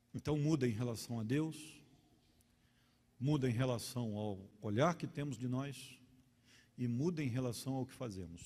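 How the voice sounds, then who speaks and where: A middle-aged man with a Carioca accent, a pastor preaching a sermon and telling stories with lively, acted-out scenes. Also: medium pitch, slightly rough. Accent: Carioca Portuguese. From Rio de Janeiro. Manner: animated storytelling, acting out quarrels. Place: church hall. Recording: long church hall reverb.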